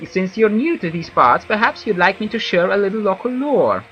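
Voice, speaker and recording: A man's voice: high-pitched, sing-song, normal speed, a bit bright, lo-fi sound, soft background music, voice pushed up. A man voicing a chatty, nervous wood elf commoner from a video game in a perky, gossipy christmas elf manner. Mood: chirpy, informative. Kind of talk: video game character read aloud.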